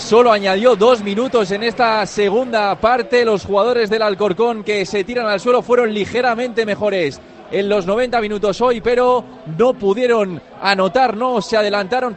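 A man with an accent from Spain delivering a live football match report for radio. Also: sits high. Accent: Spanish from Spain.

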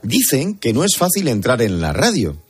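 Husky, lively Spanish male radio presenter. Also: mid-range voice, moderate pace. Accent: Spanish, from Spain. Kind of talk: casual, joking radio chat.

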